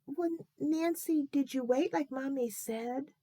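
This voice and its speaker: A woman's voice: high-pitched, takes it slowly, mellow, no echo, pitched above the performer's own voice. A woman voicing a father in a children's story who asks his daughter, surprised, what went wrong. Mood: concerned.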